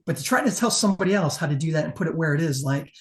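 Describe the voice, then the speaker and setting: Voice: medium pitch, very fast. A competition judge giving a casual panel critique in an emphatic, profane, conversational way.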